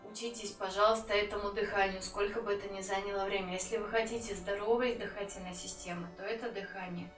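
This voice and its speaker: A woman giving an instructional breathing lesson as a yoga teacher, calm and unhurried, with pauses between phrases. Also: mid-range voice. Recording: roomy echo, distant mic, music.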